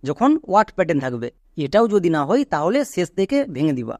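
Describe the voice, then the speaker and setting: High-voiced man teaching pronunciation. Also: very animated, fast, a little mellow, no room sound, clean studio sound. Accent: Bangladeshi. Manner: patient, repeats rules and asks checking questions. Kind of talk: explaining a lesson step by step.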